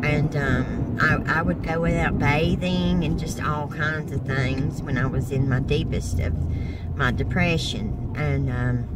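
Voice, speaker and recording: A woman's voice: sits low, fairly even intonation, measured pace. A middle-aged woman chatting casually in a car vlog, rambling with many ums and restarts. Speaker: vlogger. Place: inside a car on a sunny highway. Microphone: phone or camera mounted on the dashboard. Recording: distant phone mic with loud road noise. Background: loud road and car noise.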